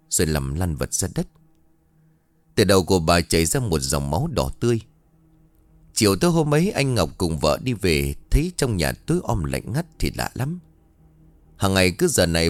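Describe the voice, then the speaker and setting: Low-voiced man narrating a ghost story. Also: no room sound.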